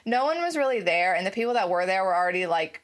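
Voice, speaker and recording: A woman's voice: mid-range voice, lively intonation, quick pace. A woman in her thirties co-hosting a podcast, telling a casual story with lots of fillers and laughs. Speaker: podcast co-host. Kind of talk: casual chat.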